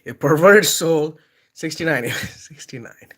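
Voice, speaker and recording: His voice sits on the high side, animated yet measured in pace: a Bengali-accented Bangladeshi host reading and reviewing a book on a casual livestream. He rambles, jokes irreverently and laughs between ideas, then booms out passages in a declaiming tone.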